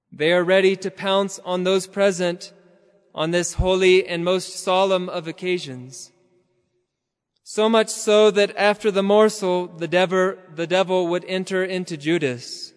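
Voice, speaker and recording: A high-pitched man preaches in a slow, measured cadence, now and then lifting into a near-chant. His voice is smooth and resonant. A long reverb trails behind him, as in a large church. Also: fairly even intonation. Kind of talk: sermon.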